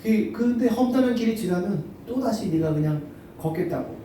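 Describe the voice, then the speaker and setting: Brief: a man preaching as soft-spoken patient Jesus in a sermon story, mellow dark tone, echoey hall. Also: high-pitched, lively intonation, moderate pace, a little hiss or hum, voice pushed up. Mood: gentle. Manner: soft, quiet. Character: gentle, patient Jesus speaking quietly. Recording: echoey church hall from far off.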